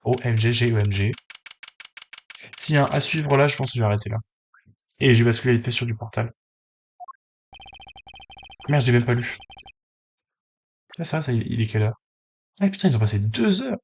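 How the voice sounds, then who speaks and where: A man streaming a game, tossing out quick, blunt asides with swearing while his throat is sore. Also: medium pitch, lively intonation, a little hiss or hum. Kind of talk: casual game-stream chat.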